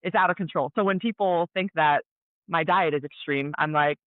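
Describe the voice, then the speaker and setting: A woman in her thirties from Colorado, a guest telling stories in an animated, chatty way with many fillers. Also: sits low, moderate pace, no echo. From Colorado, USA. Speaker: guest, ER nurse and pro athlete. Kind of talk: casual storytelling interview. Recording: tinny phone-like dry audio.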